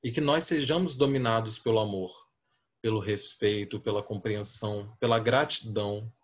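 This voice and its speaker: A man with a Brazilian Portuguese accent giving a spiritist talk, holding back a naturally deep, booming voice and telling stories in a conversational way. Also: normal speed, muffled recording. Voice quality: deep booming voice held back to a gentler volume. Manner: conversational and anecdotal, acting out quoted exchanges. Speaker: speaker at a spiritist meeting.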